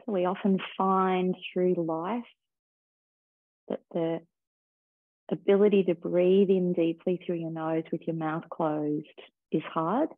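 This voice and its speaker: A woman teacher slowly guiding a breathing and body-awareness meditation in a calm, soothing way. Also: lowish voice, dry recording. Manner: slow, calm, soothing guidance. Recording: tinny phone-like sound.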